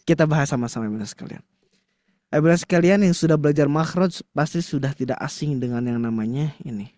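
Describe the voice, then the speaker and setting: A man's voice: a little high, quick pace, mellow, no room sound, studio quality. A man teaching a Quran recitation class to a live audience, chatty and full of fillers, often stopping to quiz the room. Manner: conversational, filler-heavy with frequent "nah", quizzes the audience.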